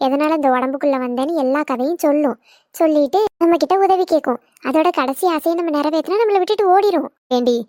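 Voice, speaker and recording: Lady doing a high fretful village auntie from a cartoon, dry close sound. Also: darkish tone, no echo, natural voice. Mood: scolding. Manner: chatty, fretful village gossip. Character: anxious village mother-in-law, older woman.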